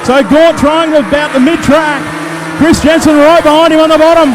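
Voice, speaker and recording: An Australian man calling a race as a motorsport commentator, excited, colloquial and punchy. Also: very high voice, normal speed, background noise. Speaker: speedway race commentator and trackside interviewer. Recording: loud race car engines behind the voice. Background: race cars, engines and tyre squeal.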